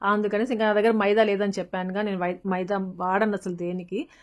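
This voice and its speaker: A woman's voice: mid-range voice, little pitch movement, quick pace. A woman vlogger with a Rayalaseema Telugu accent, narrating her family's day in a chatty, casual way with English words mixed in. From Rayalaseema, Andhra Pradesh.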